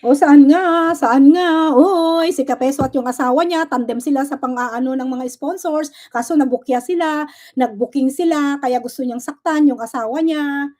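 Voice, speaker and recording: A woman with a high but mellow voice holds forth on her livestream. She is combative and sarcastic, throwing one rhetorical question after another, and drops English words into her talk as she goes. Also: moderate pace. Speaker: livestream host. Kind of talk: casual livestream rant.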